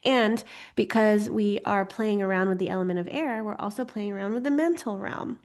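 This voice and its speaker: A slightly congested woman, getting over a cold, hosts an online astrology course at normal speed in a medium-pitched, darkish voice. Her teaching is informal and chatty, playful and giggly, with lighthearted jokes at her own expense.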